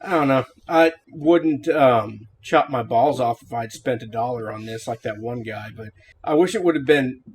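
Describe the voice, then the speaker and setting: A man's voice: medium pitch, normal speed, slight background noise. A middle-aged man hosting a gameplay series, talking casually as he reviews a game.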